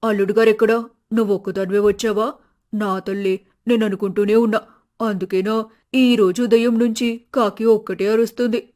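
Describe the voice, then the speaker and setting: A woman voicing a fussy village mother in an animated storybook, doting and scolding in a slightly lowered voice. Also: moderate pace, lightly acted. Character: fussing village mother, quick to take sides.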